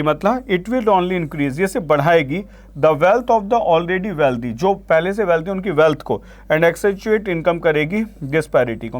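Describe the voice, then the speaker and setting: An Indian man with a somewhat high voice teaches an online vocabulary class. He reads each English example sentence out slowly, then explains it, calling his students "beta" along the way. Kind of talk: vocabulary lesson.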